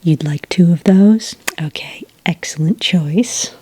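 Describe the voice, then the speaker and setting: A woman whose voice sits on the low side whispers breathily into a close microphone, playing an obliging cafe witch. She takes the customer's order in a gentle, leisurely, talkative way, and the recording is dry.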